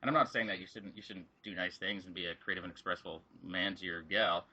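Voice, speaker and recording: A man's voice: low-pitched, steady tone, fast, pushed and bright. A man co-hosting a podcast in casual chat, joking with wry asides. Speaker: podcast co-host.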